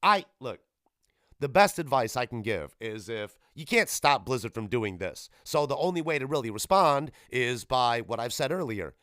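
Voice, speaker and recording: The solo host of a gaming podcast talks casually in a mid-pitched, fairly bright voice with a sing-song lilt and moderate pace. He rambles irreverently and swears freely, and the recording is dry with hardly any room sound.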